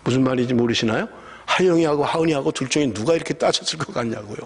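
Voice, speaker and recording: A middle-aged South Korean pastor preaches in a church sanctuary, animatedly telling personal stories that build to emphatic exhortation. His mid-range voice is rapid-fire and slightly rough, with long church hall reverb around it.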